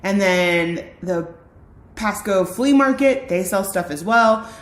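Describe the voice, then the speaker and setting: A teacher with a mid-range, expressive voice reads aloud from a picture book to children at a slow pace. She explains words as she goes and often addresses questions directly to her young listeners.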